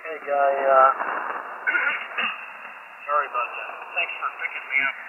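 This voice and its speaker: A man's voice: mid-range voice, big pitch swings, takes it slowly, phone-quality sound. A man from Texas checking into a ham radio net, casually describing his station gear. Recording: distant voice over noisy shortwave radio.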